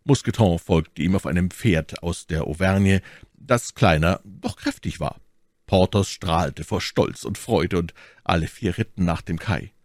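Deep-voiced man reading a classic. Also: measured pace, no echo, clean studio sound. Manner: expressive, shifts pitch for quoted speech. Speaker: audiobook reader. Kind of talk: classic novel read aloud.

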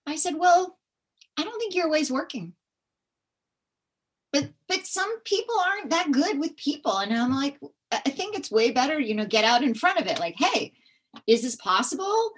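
A woman guest telling lively stories from her working years, acting out the people she quotes. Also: high-pitched, normal speed. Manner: lively, animated, acts out quoted voices. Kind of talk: storytelling in conversation.

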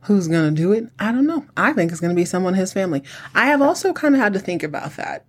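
A middle-aged podcast host with a husky voice, chatting solo in a campy, sassy drag-queen manner, sounding like a woman. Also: medium pitch, sing-song, fast talker. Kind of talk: chatty solo recap commentary.

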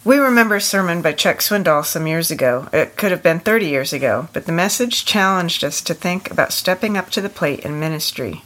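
Low-voiced older woman, steady podcast co-host. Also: brisk, few pauses.

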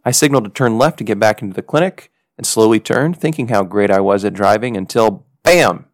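A man from the United States hosts a podcast and shares a personal story in scripted narration that is earnest, reflective, and measured. He speaks in a lowish voice, and the studio-quality recording has no room sound.

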